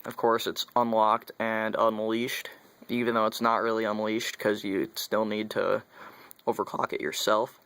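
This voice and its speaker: A man's voice: fairly low pitch, little pitch movement, a little slow, a bit bright, smooth, dry recording. A young man chatting casually as he unboxes computer parts, rambling and correcting himself as he goes. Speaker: tech vlogger.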